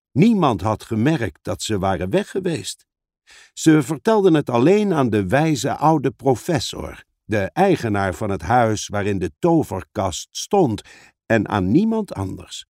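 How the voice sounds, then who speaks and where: A man narrating a children's fantasy audiobook with expressive storytelling. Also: medium pitch, dry recording, studio quality.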